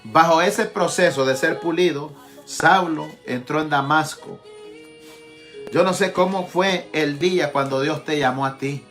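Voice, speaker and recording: A man's voice: a little high, a bit bright. A man preaching a Pentecostal sermon as pastor, fervent and repeating his address to the congregation. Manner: impassioned preaching, repeats "amados hermanos". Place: church.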